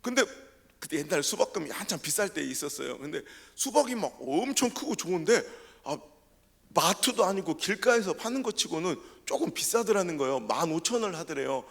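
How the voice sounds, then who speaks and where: A man's voice: a little high, animated, fairly quick, gravelly, a bit bright. A man with a Chungcheong Korean accent preaching a revival sermon, telling his testimony with humor and mimicking dialects. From South Korea. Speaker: pastor. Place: church sanctuary. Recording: reverberant church sanctuary.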